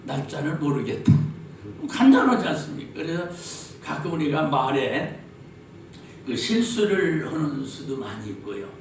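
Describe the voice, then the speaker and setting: A man's voice: fairly high pitch, sing-song, normal speed, gravelly. A man preaches a sermon. He spins jokey stories and fires off rhetorical questions. He is heard from a distance in a very echoey hall, with faint noise behind him. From Chungcheong, Korea. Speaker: pastor.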